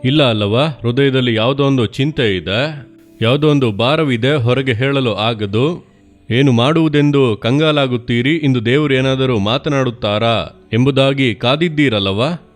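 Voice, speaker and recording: A man giving an earnest, pleading devotional sermon and prayer in Kannada, moving between quick and slow phrasing. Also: medium pitch, soft background music. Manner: earnest and pleading, speeds up and slows down. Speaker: preacher.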